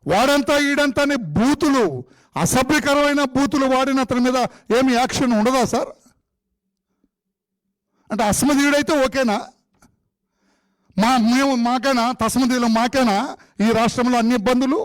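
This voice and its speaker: A man's voice: very high-pitched, normal speed, long pauses. A male opposition politician making an indignant statement at a press conference, pressing rhetorical questions.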